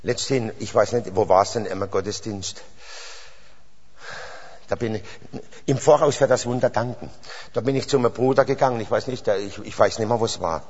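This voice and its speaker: Man, preacher, husky, rambling then fervent, handheld mic, dull sound, long church-hall echo. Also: fairly low pitch, brisk, pauses often, darkish tone. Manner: rambling and anecdotal, rising to fervent exclamations. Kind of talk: sermon. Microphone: handheld microphone.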